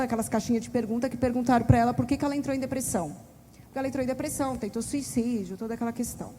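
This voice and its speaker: A woman's voice: on the high side, warm tone, a little hiss or hum. A woman with a Brazilian Portuguese accent giving an earnest, confessional talk to parents at a church conference, calling the listeners brothers and sisters. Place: church hall. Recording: long reverb of a large hall.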